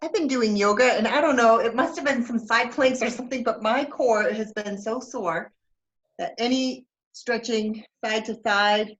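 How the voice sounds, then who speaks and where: A woman's voice: on the high side, moderate pace, fairly bright tone, dull audio. A woman telling a story in casual, chatty fashion over a video call. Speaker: staff member sharing news.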